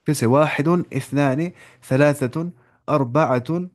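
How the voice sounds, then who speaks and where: A man's voice: mid-range voice, steady tone. Patient male teacher on a video call. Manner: patient, repeats each word slowly for the student. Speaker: Arabic teacher. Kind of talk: online class teaching.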